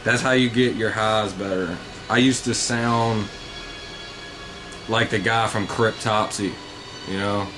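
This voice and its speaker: A man's voice: fairly low pitch, steady tone, slow pace, pauses often, noisy background. A man giving a casual, informal vocal tutorial as a coach, rambling and blunt with frequent swearing.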